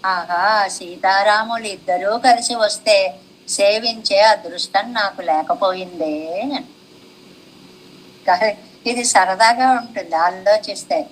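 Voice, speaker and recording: A woman's voice: mid-range voice, takes it slowly, pauses often, a little hiss or hum, rough recording. A woman giving a devotional discourse on scripture commentary, reciting classical verses and then explaining them with rhetorical questions. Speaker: religious teacher.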